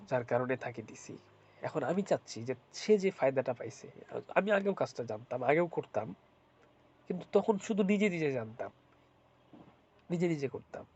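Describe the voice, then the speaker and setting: Speaking as a spiritual healer, this man addresses viewers in a casual religious talk that includes Quran recitation, often repeating himself and posing rhetorical questions. His voice is fairly high, gravelly, husky and a little mellow, with a congested, cold-blocked nose. Sound quality is dull and lo-fi.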